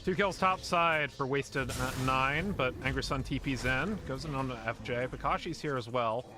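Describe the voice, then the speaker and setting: A man's voice: medium pitch, normal speed, over music. A man giving live play-by-play commentary on a video game match as an esports caster.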